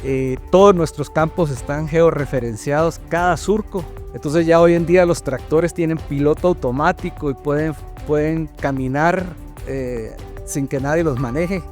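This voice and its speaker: An older man from Colombia with a Colombian accent, a company general manager answering interview questions thoughtfully, often pausing and repeating words. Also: fairly high pitch, a little mellow, soft background music. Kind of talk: conversational interview.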